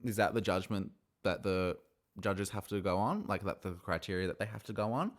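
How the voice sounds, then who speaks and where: A man hosting a podcast on his own, giving an opinionated, ranting review that gets heated and breaks into mocking high-voiced impressions. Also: lively intonation, fairly quick. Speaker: podcast host reviewing a reality show. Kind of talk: casual solo review.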